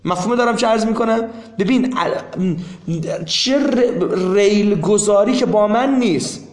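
High-voiced man teaching in an echoey room. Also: darkish tone. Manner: explains insistently, repeating himself. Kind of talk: seminary class discussion.

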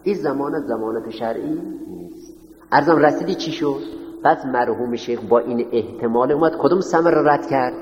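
A male teacher gives a lecture and keeps quizzing his students, then answers his own questions. His voice is dark and mellow. The audio is dull and lo-fi, with a long echo from a roomy hall. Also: mid-range voice, a little hiss or hum. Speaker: teacher of a class. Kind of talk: classroom lecture, dictating notes.

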